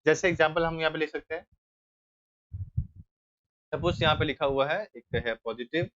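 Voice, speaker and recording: A man's voice: fairly high pitch, normal speed, a bit bright. A young male teacher giving a grammar lesson in a classroom, explaining step by step and often checking with his students. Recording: dull lo-fi recording.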